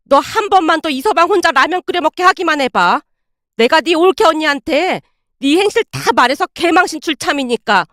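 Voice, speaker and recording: Woman voices a stern older mother-in-law, high and biting, loud rebukes. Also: lively intonation, brisk, dry recording, studio quality. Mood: scolding. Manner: sharp, scolding rebukes.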